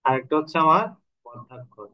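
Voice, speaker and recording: A man with a Bangladeshi Bengali accent teaching an online lecture, explaining step by step with rhetorical questions and slowly stretching syllables to demonstrate. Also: medium pitch, lively intonation, lo-fi sound. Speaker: Bengali literature tutor.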